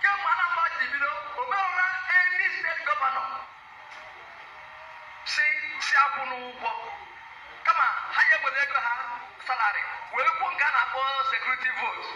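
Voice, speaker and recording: A man's voice: extremely high pitch, a little fast, sharp tone, a little hiss or hum. A middle-aged man with a Nigerian accent, giving an emphatic rally speech into a handheld mic in a large hall, mixing Igbo and English. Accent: Nigerian, Igbo-speaking. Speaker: political rally speaker. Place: large hall with seated crowd. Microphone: handheld mic, far camera. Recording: echoey hall, from far off.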